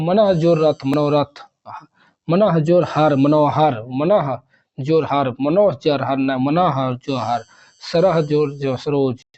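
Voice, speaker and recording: A man's voice: a little high, darkish tone, muffled recording. A man teaching an exam revision grammar lesson, rattling off examples one after another and repeating terms.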